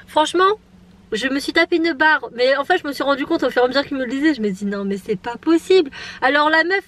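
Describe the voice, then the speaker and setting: Chatty high-voiced woman vlogging. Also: a bit bright. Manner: chatty, self-mocking, laughs at herself. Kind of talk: casual chat vlog. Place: in a car.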